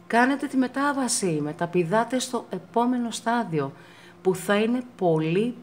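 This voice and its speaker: A woman hosts a pick-a-card tarot reading for her viewers, reassuring them and repeating words for emphasis. Her pitch swings upward often.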